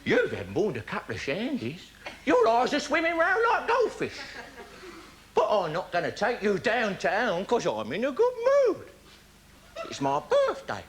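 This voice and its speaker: A man's voice: wildly swooping pitch, a little slow, heavily acted. A man voicing a bullying, sarcastic nineteen-year-old traffic policeman, mocking and hectoring. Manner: mocking, hectoring, big swoops in pitch. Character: bullying sarcastic teenage male traffic cop. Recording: live stand-up with loud audience.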